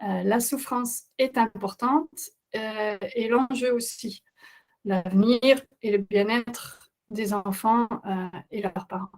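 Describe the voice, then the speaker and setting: Presenting a webinar as a parenting coach, this middle-aged woman speaks slowly in a fairly high, steady tone. She has the accent of a non-native French speaker and sounds sincere, though hesitant and full of filler sounds.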